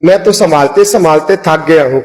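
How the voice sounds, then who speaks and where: A man preaching a devotional story, his voice rising high when he quotes people and breaking into sung verse. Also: moderate pace, darkish tone, low-quality recording.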